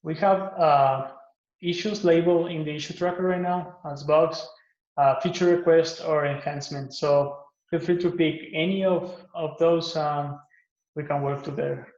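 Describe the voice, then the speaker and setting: A man from Guatemala gives a recorded pitch for an open source project he maintains, talking in a relaxed way with many "uh" fillers and restarts. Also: moderate pace. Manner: relaxed, with frequent "uh" and "um" fillers and self-repairs. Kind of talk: recorded conference pitch talk. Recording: echoey, muffled lo-fi room recording.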